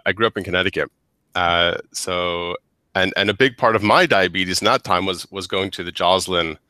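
A man in his thirties from the United States chats casually as an interview guest over a video call headset mic from a small office with a whiteboard. His low voice is sharp, clear and resonant, the recording dry, and he often restarts and repeats words.

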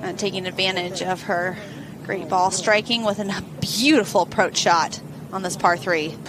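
A woman's voice: medium pitch, steady tone, moderate pace, a crowd in the background, low-quality recording. A woman giving live golf commentary as an analyst, explaining shots in a conversational way. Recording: outdoor course ambience noise behind voice.

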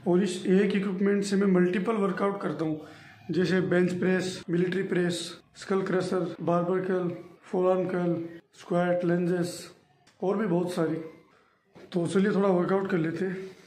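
Young man, high voice, casual vlog talk, phone held at arm's length, roomy echo. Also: little pitch movement, moderate pace, darkish tone, a little hiss or hum. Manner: chatty, explaining step by step to viewers. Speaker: vlogger. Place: room in a home, indoors. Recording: roomy echo from a bare room.

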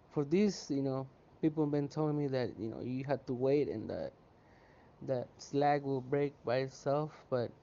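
Chatty welder man, mellow lo-fi voice. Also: mid-range voice, clean tone. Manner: relaxed, chatty, lots of "you know". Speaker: welder vlogger. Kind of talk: casual how-to narration. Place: outdoor welding yard.

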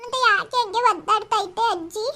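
A woman's voice: very high-pitched, fairly quick, pushed and bright, exaggerated voice. A woman voicing a small, anxious grandchild in a cartoon, asking worried questions. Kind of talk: cartoon voice acting.

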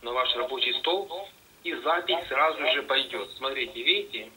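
A man explaining casually, heard over a phone call played back through a phone speaker, quiet and tinny with some echo. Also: medium pitch, moderate pace, crowd noise.

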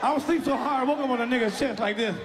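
Brief: high, animated male comic, live club set with a roaring laughing crowd. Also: very fast. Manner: brash, profane, loud storytelling with acted-out voices. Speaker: stand-up comedian. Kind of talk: stand-up comedy set. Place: comedy club stage before a laughing audience. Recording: live show, loud crowd laughter and noise.

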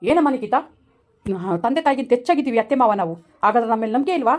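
A woman putting on a much lower voice to play a stern, reproachful father-in-law in a comedy skit. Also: expressive, rapid-fire, close to an everyday voice.

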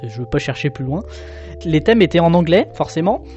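A young man from France flipping through his sketchbook in a relaxed, self-mocking way, with lots of fillers. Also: on the high side, brisk, lo-fi sound, faint music behind. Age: young adult. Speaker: artist showing his sketchbook. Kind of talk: casual commentary.

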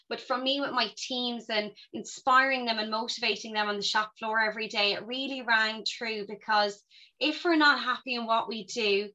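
A woman's voice: a little high, bright, forceful tone. A woman hosting a leadership podcast, speaking enthusiastically and gushing with praise for her guest. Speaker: podcast host, retail coach. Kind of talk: podcast interview.

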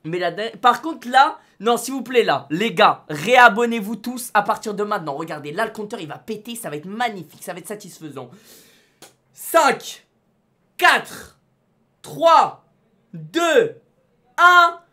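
A young man streaming live from his studio, talking to his chat in slangy, excitable bursts and shouting when things go wrong. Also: high voice, fairly quick, hardly any pauses.

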